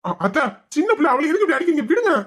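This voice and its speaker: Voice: high voice, very animated, very fast. Voice actor as a fierce protective young uncle. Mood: angry, protective. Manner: scolding, then gently soothing. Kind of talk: family drama acting.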